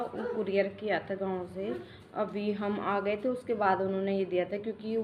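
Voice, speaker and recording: A young mother talks in a casual home vlog at a middle pitch. She rambles and restarts as she tells her story plainly. There is faint noise behind her. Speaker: mother vlogger.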